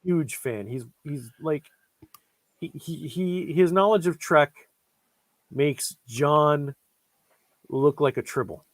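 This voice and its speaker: A man co-hosting a casual watch-along chat, animated and jokey, quoting lines in mock voices. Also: on the high side, takes it slowly, pauses often, no room sound. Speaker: podcast co-host. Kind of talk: casual riff-track banter.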